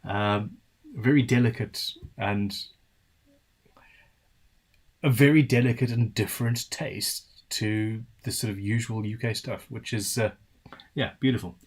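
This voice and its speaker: A man's voice: on the low side, fairly even intonation, measured pace, pauses often. A British man hosting a casual live-stream Q&A about guitar building, reading viewer questions aloud and answering in a loose, chatty way with trailing restarts. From United Kingdom.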